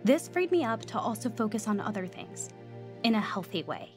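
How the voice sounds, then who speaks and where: In a studio radio drama with music underneath, an actress plays an earnest young woman recovering from drugs and newly converted, delivering reflective first-person narration and dialogue. Her natural, mid-range voice is very animated and moves at a moderate pace.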